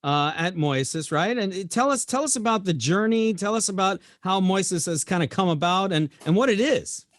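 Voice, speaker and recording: High-voiced upbeat podcast host, a man. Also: lively intonation, moderate pace, hardly any pauses, a bit bright. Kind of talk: podcast interview.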